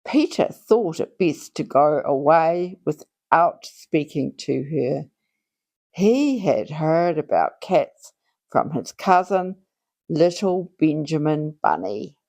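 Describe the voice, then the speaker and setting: A woman with a low-pitched voice reads a children's storybook aloud, drawing out her phrases expressively and deliberately for young listeners.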